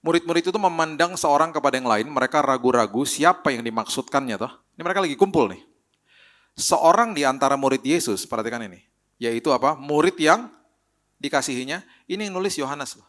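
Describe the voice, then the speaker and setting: A middle-aged man with an Indonesian accent, a pastor preaching a lively, story-filled sermon and acting out the quotes. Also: a little high, fairly quick. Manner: lively storytelling with acted quotes, mixes in English phrases.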